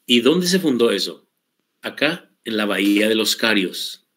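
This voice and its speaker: A man teaching an online Guaraní language class, explaining patiently and repeating words slowly for his students. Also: fairly low pitch, sing-song, a bit bright.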